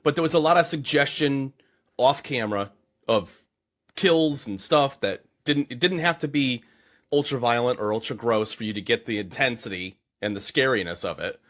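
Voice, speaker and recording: A man talking casually on a podcast, chatty and laughing easily, often closing his points with a quick "right?". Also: mid-range voice, fairly bright tone.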